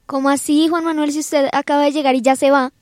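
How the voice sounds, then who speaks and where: A woman with a Bogotá accent in an amateur radio drama, talking in an animated, emphatic way. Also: high-pitched, fast, no echo, clean studio sound. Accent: Bogotá Colombian Spanish. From Bogotá, Colombia.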